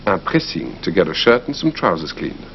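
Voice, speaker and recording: A man's voice: sits low, normal speed. A man presenting a language course in scripted, explanatory narration. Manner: clear, explanatory, lively delivery. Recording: slightly muffled broadcast audio, faint hiss.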